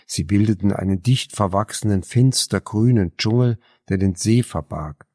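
A man narrating a novel as an audiobook, measured and even. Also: on the low side, dry recording, studio quality.

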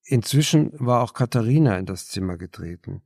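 A man reading a novel aloud as narrator, measured and even. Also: fairly low pitch, creaky, husky, no echo, clean studio sound. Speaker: audiobook narrator. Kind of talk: scripted narration.

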